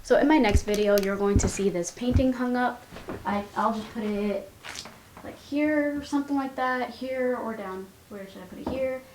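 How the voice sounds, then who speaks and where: A woman's voice: on the high side, normal speed, echoey room, background noise. A young woman vlogging casually at home, chatty and rambling, with giggly asides, recorded on a compact camera's built-in mic. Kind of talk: casual chat. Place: indoors at home, her room.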